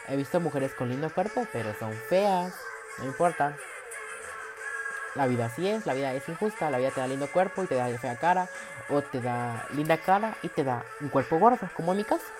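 Un hombre con acento centroamericano que habla en su podcast de forma casual, chismosa y presumida, con cambios dramáticos de tono. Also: male voice. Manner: dramatic, gossipy and boastful, with big swings in pitch and loudness. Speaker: podcast host.

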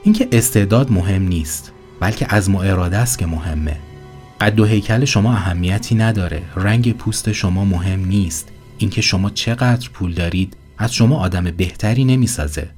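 A man narrating a motivational story in a calm, earnest voice-over. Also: deep voice, faint music behind.

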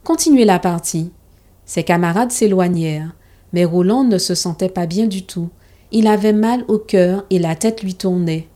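Calm woman reading a storybook. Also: on the low side, normal speed.

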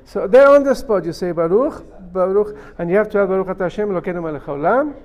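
A high-voiced man, described as "New," is a rabbi teaching a Talmud class, reading a religious text and translating it phrase by phrase. He's animated and fast with a darkish tone, speaking emphatically while repeating and explaining each step. The audio sounds dull.

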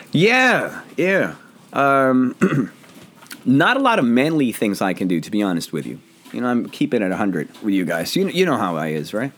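A man hosting a relaxed home podcast, his voice hoarse and roughened as he jokes about himself. His pitch swings widely and freely as he rambles from one thought to the next. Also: normal speed. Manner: jokey, rambling, self-deprecating. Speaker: podcast host. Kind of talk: casual chat.

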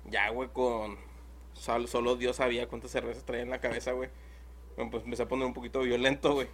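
A man's voice: mid-range voice, flat delivery, fast talker, a bit bright, a little hiss or hum. A young man with a Mexican accent telling a long story in casual chat, rambling and full of slang filler words. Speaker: podcast host.

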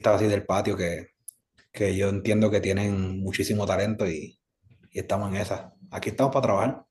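A Puerto Rican man with a fairly low voice speaks as a guest on a casual interview. He talks in an easygoing, meandering way and leans on plenty of fillers. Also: steady tone, brisk, darkish tone. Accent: Puerto Rican Spanish. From Puerto Rico. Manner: easygoing, rambling, with many fillers. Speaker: musician guest.

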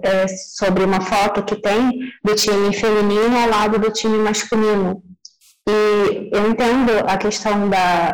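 A woman's voice: mid-range voice, rough recording. Earnest, opinionated woman panelist. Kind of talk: casual panel discussion.

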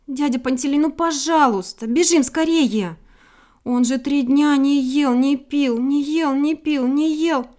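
A woman's voice: sits high, a little slow, darkish tone, voice pushed up. A woman voicing a tiny, anxious little female titmouse in a storybook reading, breathless and pleading.

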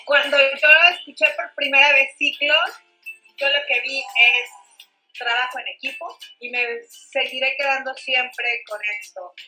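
A Mexican woman co-hosting a casual chat, speaking in a deliberate, heartfelt way. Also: high voice, fairly even intonation, bright, forceful tone, faint music behind, rough recording. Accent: Mexican Spanish. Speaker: co-host. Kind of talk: casual chat over coffee.

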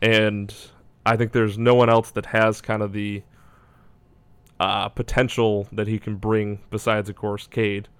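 Casual male sports analyst, low and flat delivery, clean dry sound, works out his thoughts as he speaks. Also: a little slow, smooth, dry recording. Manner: hedging, thinking aloud. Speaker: basketball draft analyst.

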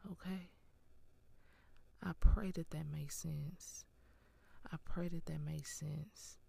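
Woman, devotional talk, soft and half-whispered, low voice, mellow tone. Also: steady tone, slow, gravelly, breathy edge. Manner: soft, often slipping into a whisper; earnest, encouraging, with small laughs.

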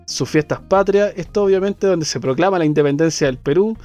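A man's voice: fairly high pitch, a little fast, darkish tone, soft background music. A man with a Chilean accent, co-hosting a casual radio chat and talking with many fillers and restarts. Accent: Chilean Spanish. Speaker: co-host.

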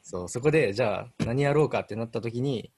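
A man in his twenties with a Kansai accent, a band member telling a story in a relaxed, self-mocking way on a casual radio chat. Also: medium pitch, a little fast, husky. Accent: Kansai Japanese.

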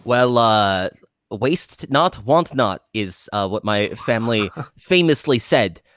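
A man's voice: mid-range voice, animated, slow, a bit bright, no room sound. A man in his thirties, guest in an improvised comedy interview, who stammers and rambles in a flustered way. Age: 30s.

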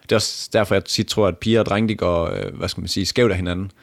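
Young male co-host, lowish voice, dry quips. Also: fairly even intonation, vocal fry. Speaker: podcast co-host. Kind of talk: casual chat.

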